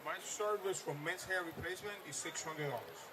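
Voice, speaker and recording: A man's voice: a little high, brisk, crowd noise, poor audio. A man with a Spanish accent, a hair replacement stylist, explaining his work in an emphatic, instructive way and sometimes switching into Spanish. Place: busy trade-show floor.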